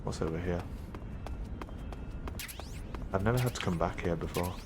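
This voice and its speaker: A man's voice: deep voice, rapid-fire, background noise. A man with an English accent commenting casually while streaming a speedrun, rambling with fillers and restarts.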